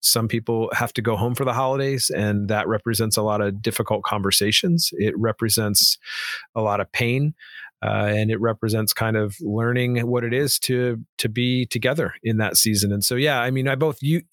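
A man's voice: lowish voice, moderate pace, no room sound, studio quality. A man who pastors a house church, chatting on a podcast, with lots of restarts and casual slang. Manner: rambling, restarts, warm enthusiasm, says dude and man.

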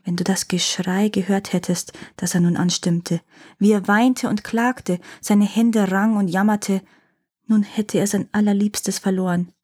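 A woman reading a fairy tale aloud, calm, with the dialogue gently acted. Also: medium pitch, a little slow, slightly rough. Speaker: storyteller.

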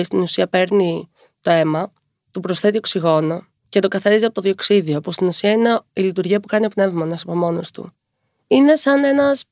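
A woman in her twenties, a podcast guest who talks quickly and tells her story with wry humor. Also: medium pitch, no echo, clean studio sound. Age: 20s. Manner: fast-talking, lively storytelling with wry humor. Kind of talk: casual conversational interview.

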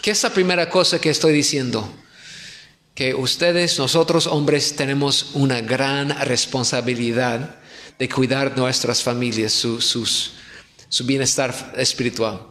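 The recording comes from an echoey church hall in Ecuador, where a man gives a sermon to a pastors' conference. His medium-pitched voice is steady, fairly bright, and a touch slow as he asks the audience questions and repeats what matters most.

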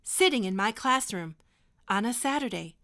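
A woman's voice: fairly high pitch, lively intonation, normal speed, pushed and bright. A woman acting a stern, lecturing history teacher keeping two students in detention. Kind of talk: audio drama acting.

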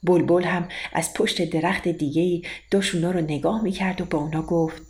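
A woman telling a children's bedtime story in a gentle, even read-aloud manner. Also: fairly low pitch.

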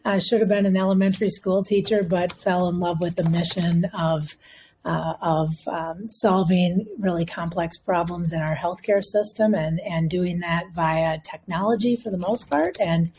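A woman in her fifties with a Minnesota accent speaks as a podcast guest, telling her career story in a relaxed, conversational way and often restarting her phrases. Her voice sits fairly low and sounds dark and mellow. A faint noise hum runs under the recording. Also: normal speed. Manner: conversational, frequent restarts and fillers. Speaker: healthcare executive guest. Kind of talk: podcast interview.

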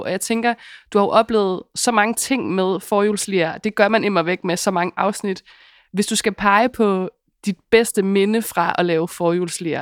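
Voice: medium pitch, dry recording, studio quality. A podcast interviewer asking chatty questions, with fillers along the way.

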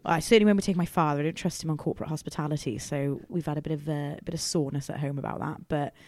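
Woman, 30s, podcast presenter, low-ish, dry close sound, teasing. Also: fairly even intonation, darkish tone, no room sound. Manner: chatty, teasing, quick-witted. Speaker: rugby presenter and podcast host. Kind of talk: casual podcast chat.

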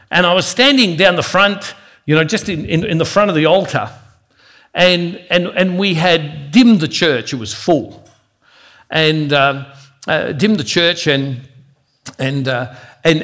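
Preaching with devotion and drawing on his own stories, this man repeats words to drive his points home. He sounds earnest, fairly high-pitched and a bit bright.

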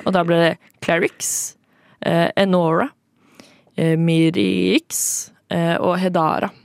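A young woman co-hosting a radio chat, hesitant and full of fillers. Her voice has a gravelly fry. The studio sound is dry and close. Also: fairly low pitch, level tone, no room sound. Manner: hesitant, many fillers and laughs. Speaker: radio co-host.

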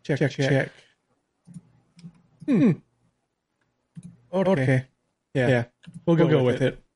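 A man's voice: mid-range voice, takes it slowly, darkish tone. A man in casual podcast chat, his voice oddly filtered and echoing like he is in a tunnel, with a laid-back, joking manner. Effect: oddly filtered, tunnel-like echoing audio. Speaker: podcast co-host.

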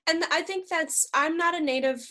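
A woman's voice: very high-pitched, normal speed, pushed and bright, slight background noise. A woman hosting an interview show, chatting casually and often restarting her sentences. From United States. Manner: chatty, full of restarts and repeated words. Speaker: podcast host.

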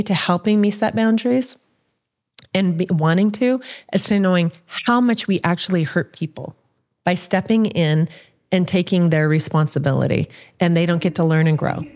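A woman's voice: fairly low pitch, moderate pace, darkish tone. A woman hosting a casual podcast discussion, talking in a reflective way and asking the others questions.

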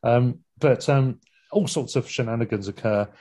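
A man talks films in a relaxed, rambling way, stopping and starting as he retells a plot. His voice is dark and mellow with a husky edge. The delivery is loose chat between friends. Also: medium pitch, normal speed. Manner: rambling, with frequent fillers and laughs. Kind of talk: casual film discussion.

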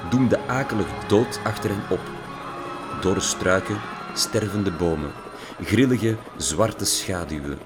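A man narrating an audiobook with vivid, theatrical storytelling. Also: low-pitched. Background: background music.

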